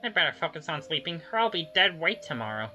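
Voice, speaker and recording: A woman reading video game dialogue aloud with expressive, animated delivery. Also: low-pitched, quick pace, faint music behind. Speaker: game player voicing dialogue.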